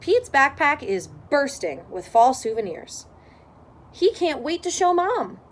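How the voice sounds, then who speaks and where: A woman reading a children's storybook aloud in expressive narration. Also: high voice, slow. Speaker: storybook reader.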